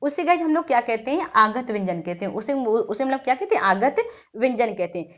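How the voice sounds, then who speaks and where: A woman's voice: on the high side, lively intonation, fairly quick, fairly bright tone, lo-fi sound. A woman teaching an exam-prep grammar lesson, asking questions and answering them herself, repeating key terms. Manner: repetitive, quizzing students and answering herself.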